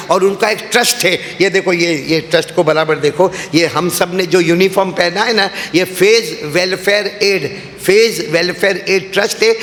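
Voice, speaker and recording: A middle-aged man gives a humorous address at a religious school gathering, teasing the crowd as he tells stories. His voice sits high and has a gravelly grain. It rings out in a large echoey hall with faint noise underneath. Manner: joking, teasing the audience, storytelling. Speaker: religious teacher and speaker.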